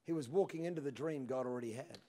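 A man in his thirties preaching a sermon on a large church stage into a handheld mic, swinging between hushed passages and shouted peaks. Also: mid-range voice, fast talker. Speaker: pastor. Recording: long hall reverb.

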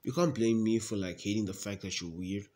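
A man plays a mocking young brother who nags and teases in a home comedy sketch. He pushes his voice up a little higher and louder as he jabs. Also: a little fast, close to an everyday voice. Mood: nagging. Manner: teasing, mocking, keeps raising his voice. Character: teasing, nagging young male sibling.

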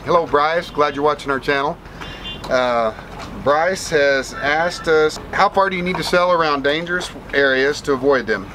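A man's voice: on the high side, moderate pace, sharp tone, poor audio. A man in his forties, casually answering viewer questions to camera from a sailboat deck, rambling with restarts and fillers. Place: outdoors on a sailboat deck in a bay. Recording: outdoor boat noise behind voice. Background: boat and water ambience.

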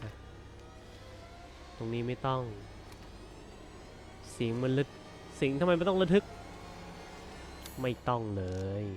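Speaking at medium pitch and a slow pace with frequent pauses, a male gameplay streamer plays through a horror game demo in casual let's-play commentary. He mutters to himself and breaks into excitable, jumpy, startled outbursts, with a slight hiss or hum on the recording.

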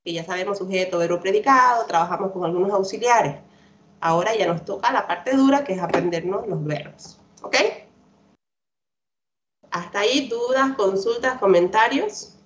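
A woman's voice: mid-range voice, normal speed, slight background noise. Woman teacher drilling verb lists. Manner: patient, repetitive drilling, frequent "¿verdad?" checks. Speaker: English teacher. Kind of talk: online class lecture. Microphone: computer mic on a video call. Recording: dull lo-fi video call audio.

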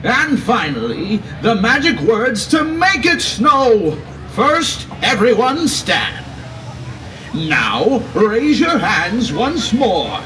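A man's voice: extremely high pitch, wildly swooping pitch, extremely slow, sharp tone, distant mic, slight background noise, full character voice, low-quality recording. A man playing a good-natured stage wizard, addressing children like a party magician with theatrical showman delivery. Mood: grand, encouraging. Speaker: stage show wizard leading audience magic spells. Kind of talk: live children's stage comedy, kids party magician manner.

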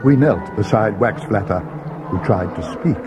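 An actor playing Watson, a schoolboy's companion recounting a mystery as scripted storybook narration. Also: male voice, fairly low pitch, moderate pace, over music, natural voice. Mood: measured, grave.

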